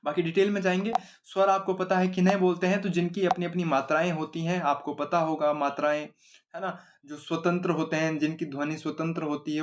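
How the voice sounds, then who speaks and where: A male grammar teacher giving an exam-oriented lesson at a board, explaining simply and often asking and answering his own questions. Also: a little high. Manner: explains simply, repeats questions and answers them himself, asks 'है ना?' often.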